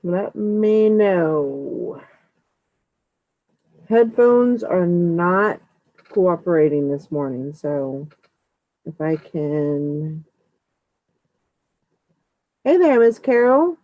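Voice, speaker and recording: A woman's voice: lowish voice, expressive, drawn-out words, long pauses, no room sound. A woman hosting a casual live stream, checking her audio, her voice muffled as if heard through a wall. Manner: chatty, fussing over audio checks. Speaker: livestream host. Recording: muffled phone-like dry audio.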